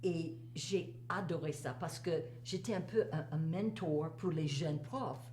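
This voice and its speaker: A retired teacher, an older woman with a Cajun French accent, reminisces in a relaxed interview in a low, slightly mellow voice at a measured pace. She emphasizes points by repeating phrases and mixes in the odd English word, recorded in an echoey room with faint hum and noise.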